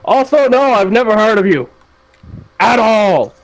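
A woman playing in a tabletop role-playing game, speaking in character in a drawn-out, deliberate way. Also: fairly high pitch, animated, poor audio.

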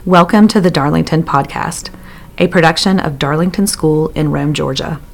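Woman, announcer, scripted intro, low voice, gravelly texture. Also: moderate pace, a little hiss or hum. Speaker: show announcer.

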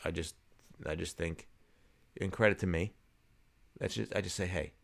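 A man's voice: low-pitched, steady tone, normal speed, gravelly. A man, co-hosting a podcast in casual chat, joking and ranting. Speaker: podcast co-host.

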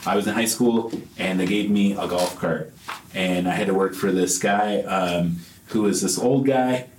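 A man's voice: low voice, normal speed, darkish tone. A man telling a playful story in casual chat at a group meeting, building suspense. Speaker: church group member. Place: meeting room. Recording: echoey room with faint noise.

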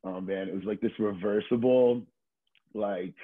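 A middle-aged man appears as a podcast guest, casually telling stories in a lowish, fairly level voice at a slightly slow pace, full of slang, swearing and fillers like "like" and "you know." The audio sounds narrow and tinny.

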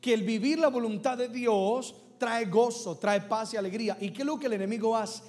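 Brief: male pastor, high voice, preaching sermon to a live congregation, big reverberant church hall. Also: normal speed, darkish tone. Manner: preaching to a congregation, calling for responses.

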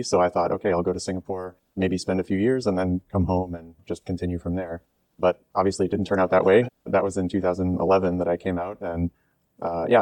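A man in his thirties from near Washington DC, a startup co-founder explaining his path in a relaxed way with small restarts. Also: sits low, no room sound. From United States, near Washington DC. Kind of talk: interview answers. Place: exhibition space.

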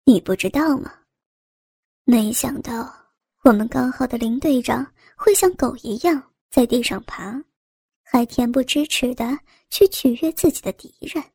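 A woman's voice: sits high, lively intonation, normal speed, creaky, long pauses, a little mellow, slightly rough, dry recording, studio quality, exaggerated voice. A woman putting on a sneering male cop. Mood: taunting. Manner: taunting, mocking, half-whispered. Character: sneering insolent male police officer.

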